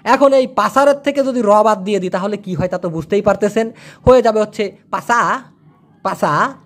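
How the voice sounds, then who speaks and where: A woman from Bangladesh, speaking at medium pitch, teaches a casual spoken language lesson. As the language teacher, she slowly repeats words over and over as pronunciation drills.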